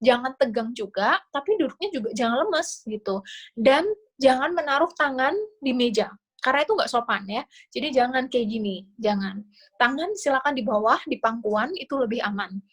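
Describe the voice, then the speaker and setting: A woman with an Indonesian accent talks a class through interview tips on a video call, in a fairly high voice. Her delivery is casual and chatty, loose and full of small fillers. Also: lively intonation, normal speed, husky. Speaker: scholarship interview coach. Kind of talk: online class talk.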